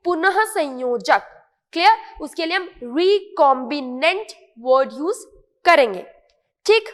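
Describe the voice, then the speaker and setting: An Indian woman teaching English vocabulary in an online lesson, explaining patiently, repeating each word and checking often that it is clear. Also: high-pitched, lively intonation, takes it slowly, in a large hall.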